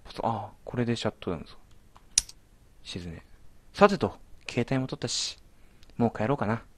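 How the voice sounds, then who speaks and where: A man's voice: mid-range voice, animated, fairly quick, slight background noise. A man commentating a horror game as he plays, jumpy, alternately exclaiming and muttering to himself. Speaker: let's play commentator.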